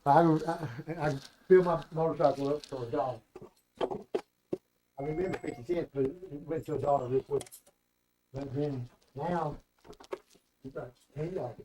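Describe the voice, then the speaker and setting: A man's voice: on the high side, unhurried, long pauses, background noise. An older man chatting casually and unscripted as a customer in a shop. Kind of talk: casual chat, reminiscing.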